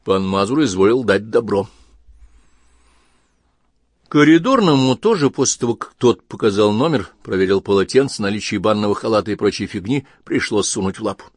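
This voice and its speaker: Male audiobook narrator, low voice, wry and even, dry close mic. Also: a little fast, no echo.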